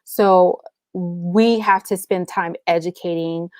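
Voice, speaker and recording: A woman guest with a fairly low, steady, darkish voice speaks slowly, with no room sound. She writes and produces audio dramas and talks about her creative work casually and enthusiastically, using everyday examples to explain things.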